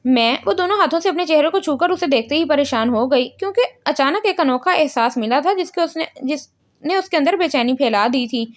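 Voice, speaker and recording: High-voiced woman narrating a novel. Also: expressive. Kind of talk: scripted audiobook narration.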